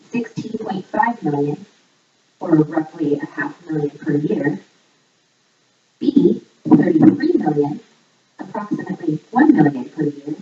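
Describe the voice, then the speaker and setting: A woman hosts a trivia game as a scripted voice-over, reading questions and answers one item at a time in a measured way. The audio was played back in a room while filming, so it sounds echoey, distant, muffled and low-fidelity.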